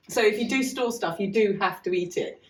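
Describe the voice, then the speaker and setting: Her voice medium-pitched and a little slow, a woman running a farm learning hub rambles cheerfully on a casual podcast, poking fun at herself as she talks about her farm. The recording, made in a half-open converted cart lodge, echoes and the mic sits at a distance.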